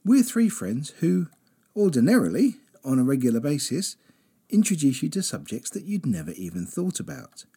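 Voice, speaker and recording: A man's voice: fairly high pitch, big pitch swings, normal speed, creaky, warm tone, husky. A man hosting a comedic podcast with friends, slipping into a mock radio-presenter delivery, often stumbling and repeating words. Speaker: podcast host.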